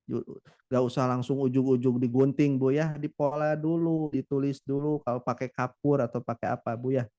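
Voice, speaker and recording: A man's voice: mid-range voice, fairly even intonation, normal speed, dark tone, highs cut off. A man teaching a Quran recitation class in a chatty way, often turning to address his students directly. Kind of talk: teaching a class, with sung demonstrations.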